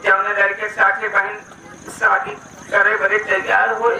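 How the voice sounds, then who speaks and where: An echoey, distant stage recording of a protective village elder brother played by a man in Indian folk theatre. He has an eastern Uttar Pradesh accent and declaims emphatically in a high voice. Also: completely flat delivery, measured pace, vocal fry, bright, forceful tone, slight background noise, heavily acted. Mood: boastful, scheming. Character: protective rustic elder brother making plans for his sister. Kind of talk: loud rural Indian folk theatre dialogue. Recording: echoey live stage, distant mic, crowd.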